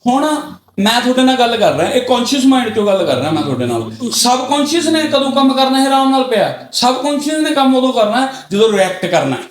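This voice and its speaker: A middle-aged man from Punjab, a podcast guest telling stories candidly and getting loud and excited as he talks. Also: extremely high pitch, fast talker, few pauses. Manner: loud and excitable when talking. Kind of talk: candid conversational storytelling. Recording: roomy echoey room.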